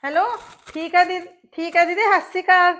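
A woman's voice: high voice, moderate pace, natural voice. A woman as an earnest village daughter-in-law. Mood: chatty. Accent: Malwai Punjabi. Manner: earnest, chatty, placating. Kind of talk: comic village skit.

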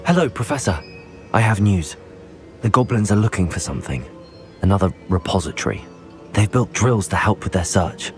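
A man acting as a level-headed, polite young student wizard hero in a video game, measured and formal. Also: fairly low pitch, animated, natural voice. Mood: respectful, purposeful. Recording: music behind the voice.

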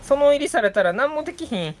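A man's voice: very high voice, sing-song, quick pace. A man streaming a game, chatting playfully in an exaggerated put-on Kyoto-style dialect. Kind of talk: casual chat while playing.

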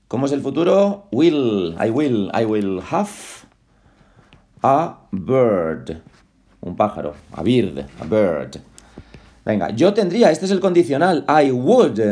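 A man's voice: medium pitch, darkish tone. A man giving a casual English lesson at home. He repeats words again and again, corrects pronunciation and drops chatty asides about being in a hurry. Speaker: English teacher. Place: home with a dog.

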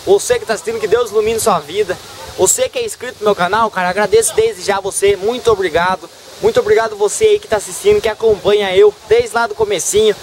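A man's voice: high voice, steady tone, fast, crowd noise, poor audio. A young Brazilian man with a caipira accent, talking casually and comically like a vlog host, full of folksy rustic slang. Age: young adult. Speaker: comedy channel host. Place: outdoors in the countryside.

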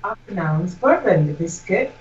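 A woman's voice: lowish voice, lively intonation, normal speed, a little mellow. A mother joining a podcast chat from off-mic, patient and correcting. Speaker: co-host's mother. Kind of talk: casual chat. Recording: distant, echoey and dull, from another room.

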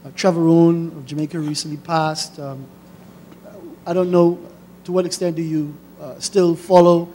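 A man's voice: on the high side, flat delivery, moderate pace, mellow, a little hiss or hum. A man interviewing a guest on stage, asking polite, somewhat hesitant questions. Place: lecture hall.

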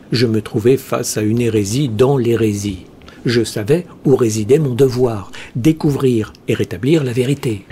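A man reads a first-person audiobook with measured, dramatic pacing. His voice is mellow and warm at a middle pitch, with a faint hiss under the recording. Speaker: audiobook narrator.

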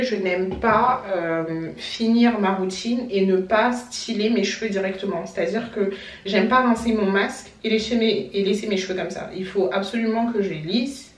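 A young adult woman chatting casually to camera at home as a beauty vlogger, expressive and quick to poke fun at herself. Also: medium pitch, recorded from a distance. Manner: chatty, expressive, self-mocking. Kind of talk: casual vlog chat. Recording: roomy, from the mic, faint background hum.

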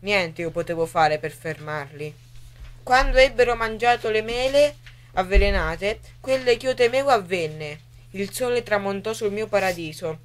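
A woman reading a creation tale aloud on a radio poetry program, soft and expressive, hushing for the whispered parts. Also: mid-range voice, moderate pace. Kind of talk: storybook reading.

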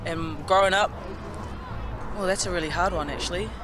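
A woman's voice: fairly low pitch, moderate pace, noisy background. A young woman rugby player from Fiji, answering thoughtfully in an outdoor interview with a handheld mic. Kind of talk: casual interview. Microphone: handheld reporter mic.

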